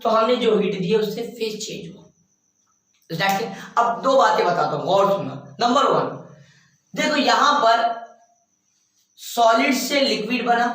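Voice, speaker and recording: A man's voice: very high-pitched, a bit bright. A male physics teacher giving a classroom lecture. He asks questions and answers them himself, and he stretches out key terms word by word. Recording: very echoey room, voice from far off.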